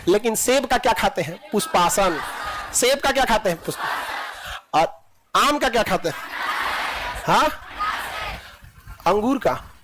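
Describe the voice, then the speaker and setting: A man's voice: high voice, lively intonation, a little slow, pauses often, a crowd in the background, background noise. A man teaching a classroom biology lecture, joking and teasing his students and laughing often.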